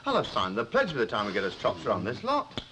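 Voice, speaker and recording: Moaning jokey northern english mate, voice all over the place, 60s soap, faint hiss. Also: male voice, on the low side, wildly swooping pitch, fast talker, pushed and bright, heavily acted. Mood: comic grumbling. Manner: wisecracking, exclamatory. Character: grumbling, joking, impatient thirsty mate. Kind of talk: 1960s British TV soap acting. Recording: noisy 1960s TV soundtrack, clicks.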